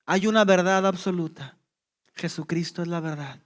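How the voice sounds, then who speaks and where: A man's voice: high-pitched, normal speed. A man preaching a sermon as pastor, with impassioned emphasis and rhetorical questions to the congregation.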